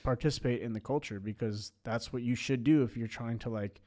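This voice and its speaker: A man's voice: medium pitch, brisk, a little mellow. A man in his late twenties in a casual podcast chat. He rambles, full of "like" and restarts. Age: 20s.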